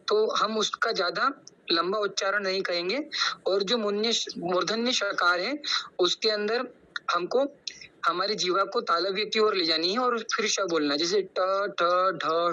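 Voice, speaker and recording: A man's voice: high-pitched, pushed and bright, muffled recording. A young man on a video call in an online class, carefully teaching Sanskrit pronunciation and drawing out each syllable to repeat it. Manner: slow, drawn-out syllables repeated for practice. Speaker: student explaining Sanskrit pronunciation.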